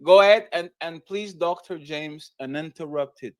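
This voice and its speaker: A man moderating a panel discussion, talking in animated, loud bursts. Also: on the high side, unhurried, clear, resonant tone, dry recording.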